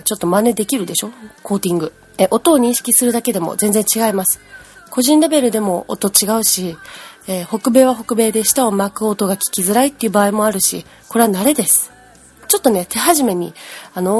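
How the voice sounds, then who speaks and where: A woman's voice: medium pitch, darkish tone, breathy edge. A woman teaching English pronunciation in a chatty, explanatory way, humming out speech rhythms. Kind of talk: language lesson.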